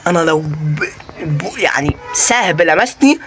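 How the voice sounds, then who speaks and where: A man with an Egyptian Arabic accent giving Minecraft let's-play commentary, jumpy and panicky, breaking into high shrieks when scared. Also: lively intonation, unhurried. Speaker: gaming YouTuber.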